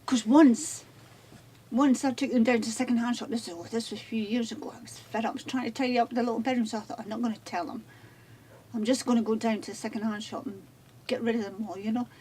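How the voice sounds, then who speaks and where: A chatty woman in her seventies rambles through stories and puts herself down with a laugh. Her voice sits a bit high, over a faint hiss of noise. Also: steady tone, fast, mellow. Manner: rambling, chatty, self-deprecating. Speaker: interviewee. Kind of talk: casual home chat on camera.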